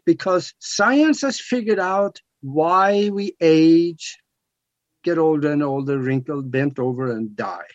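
Speaking slowly in a fairly high voice, this Norwegian guest in his seventies makes his points with emphasis on talk radio. His accent is clearly Norwegian, and the dull, lo-fi recording has no echo.

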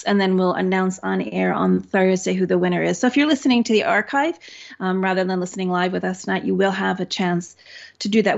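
Gravelly woman hosting a radio show. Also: mid-range voice, dull audio.

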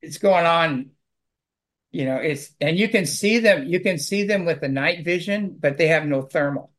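A man who clears houses of spirits talks in casual conversation, telling long stories in an earnest, rambling way. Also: a little high, normal speed, a bit bright.

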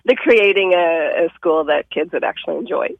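A woman from Kansas calling in to a radio show over a phone line, friendly and quick to laugh. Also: on the low side, creaky. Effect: heard over a phone line. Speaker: caller. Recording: dull, dry phone line.

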